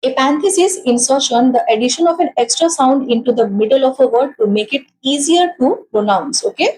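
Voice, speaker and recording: A tired woman with an Indian accent teaching an exam-prep lecture, mixing Hindi and English, slow over definitions and quick in her explanations. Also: sits high, expressive, a little mellow, poor audio.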